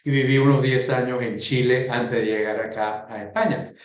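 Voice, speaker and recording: A man from Venezuela presenting a software course in a webinar, explaining step by step and often checking in with his listeners. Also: mid-range voice, steady tone, moderate pace, heavy reverb, lo-fi sound. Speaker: course instructor.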